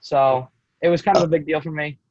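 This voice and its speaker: Slightly high and a little mellow, with fairly even intonation, the voice of a young guest race driver comes through dull lo-fi call audio without echo. Telling his story on a casual podcast, he keeps stumbling, restarting and correcting his sentences.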